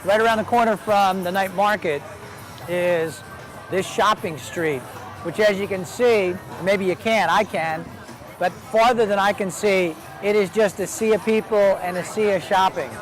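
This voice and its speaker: A man's voice: sits high, unhurried, soft background music. A man hosting a travel show, chatting casually as he tries street food at an outdoor night market. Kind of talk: casual on-location food commentary. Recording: noisy crowd outdoors. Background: busy crowd chatter.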